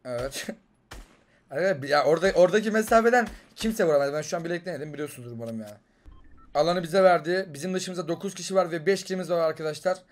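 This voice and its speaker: A young man with a Turkish accent giving excited gameplay commentary, jumping between loud outbursts and muttering to himself. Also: on the high side, fast. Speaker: gaming YouTuber.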